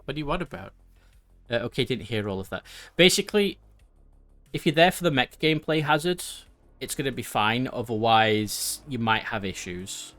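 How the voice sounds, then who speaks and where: A man's voice: medium pitch, fairly bright tone. A man chatting casually on a live stream, rambling and laughing often.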